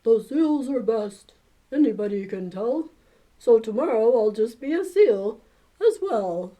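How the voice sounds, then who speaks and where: A woman's voice: a little high, animated, unhurried, lo-fi sound. A woman voicing a shy, restless male emu from a children's storybook, speaking simply in a childlike manner. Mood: declaring.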